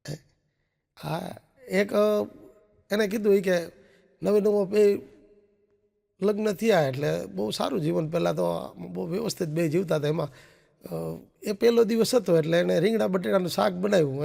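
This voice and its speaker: A man's voice: sits high, moderate pace, vocal fry, darkish tone. Stand-up comic, male, raises his voice to play husband and wife, lingering hall echo. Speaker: stand-up comedian. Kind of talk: Gujarati stand-up joke telling. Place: stage show before an audience. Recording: long reverb of a stage hall.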